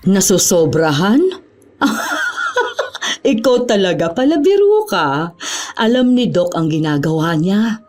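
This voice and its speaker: A woman's voice: on the low side, very animated, moderate pace, a little mellow, faint music behind. Woman voicing a sly, teasing clinic assistant. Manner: teasing, insinuating. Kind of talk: audio drama acting.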